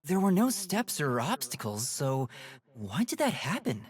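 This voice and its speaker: This is video game voice acting: a man plays an earnest, timid young detective, thinking aloud in an investigative monologue with a light, boyish, hesitant and thoughtful manner. His voice is slightly high and unhurried, with huge swings in pitch, and the mood is pondering.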